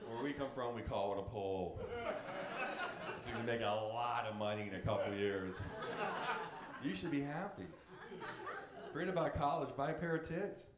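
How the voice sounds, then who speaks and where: A middle-aged man doing a stand-up comedy set, brash and profane with deadpan punchlines, on a club stage. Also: mid-range voice, normal speed, long pauses, very noisy. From United States. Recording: roomy club with crowd laughter. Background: audience laughing.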